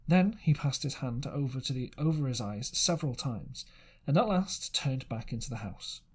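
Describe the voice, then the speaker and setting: An amateur audiobook reader with a husky, expressive, medium-pitched voice reads an adventure novel aloud. His reading is halting, and he sometimes misreads words and corrects himself.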